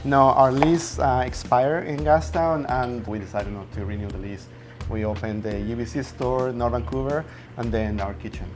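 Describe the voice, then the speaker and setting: A man's voice: medium pitch, moderate pace, background noise. A man from Mexico, a chef and restaurant owner, chatting casually and explaining each step as he cooks at a grill in a kitchen. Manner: explains steps while cooking at the grill. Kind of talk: casual cooking chat.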